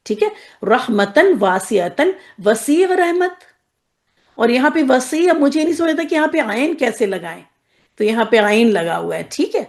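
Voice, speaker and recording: Brief: woman teacher, slow careful drilling. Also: sits high, lively intonation, vocal fry, darkish tone. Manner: checks in often with "okay?", drills words slowly. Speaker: Quranic Arabic teacher. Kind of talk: explanatory lesson to women students.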